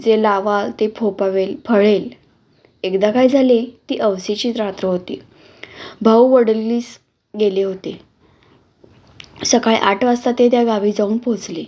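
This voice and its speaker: A woman reading a classic novel aloud as a storyteller, in an earnest, measured way. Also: mid-range voice, fairly even intonation, dark tone.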